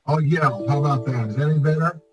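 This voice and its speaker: A man's voice: a little high, fast talker, over music. A man on a video call, heard through his camera's built-in microphone with a hollow, echoing, tunnel-like sound, talking hesitantly with fillers while he troubleshoots. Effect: hollow, echoing tunnel-like sound from a distant camera mic. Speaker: presenter at an online club meeting. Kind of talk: casual video-call talk. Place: home computer setup on a video call. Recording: hollow, echoey camera-mic sound with faint noise.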